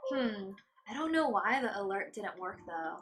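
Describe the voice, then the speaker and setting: A woman's voice: medium pitch, lively intonation, moderate pace, background noise. A woman livestreaming in a casual, chatty way, cooing and doting as she talks to her cats. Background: faint background music.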